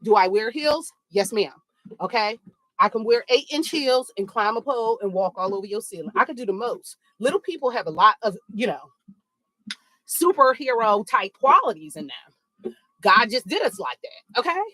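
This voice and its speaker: A sassy woman spins a funny story while walking on a treadmill, calling her listeners girl and baby. Her voice sits a little high and swings widely. The sound is dry and close. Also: lively intonation, moderate pace, bright, forceful tone, dry recording. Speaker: podcast host. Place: home treadmill, indoors.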